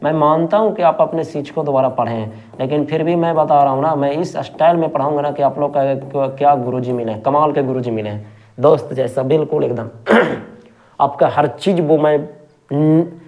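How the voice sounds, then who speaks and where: Male math tutor, mellow voice, repetitive question-and-answer teaching, affectionate with students. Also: a little high, moderate pace. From Bihar, India. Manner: asks questions and answers them himself, repeats key terms; affectionate, calls students "my rasgulla". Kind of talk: exam-prep math lesson.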